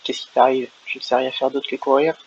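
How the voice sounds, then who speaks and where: A man's voice: mid-range voice, little pitch movement, a little fast, gravelly, lightly acted. A man reading a mocking battle-hungry warrior. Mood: taunting. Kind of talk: reading game dialogue aloud. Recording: lo-fi with faint hiss.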